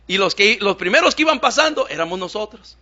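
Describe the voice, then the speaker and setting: A man's voice: high voice, lively intonation, brisk, bright, forceful tone. A male pastor preaching a sermon in a church, telling a story with repeated, emphatic phrases. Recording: dull lo-fi church recording.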